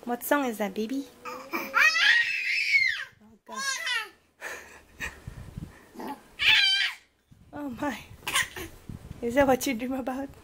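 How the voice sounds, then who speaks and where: A young mother coos slowly in a high, sing-song voice, drawing her words out as she talks to her baby. Her voice sounds a little worn, as if it is still recovering. She is recorded close on a handheld camera indoors, with clear noise in the background of the home video. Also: shouting. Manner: sing-song, cooing, laughing often. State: voice recovering from loss. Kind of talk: baby talk to an infant.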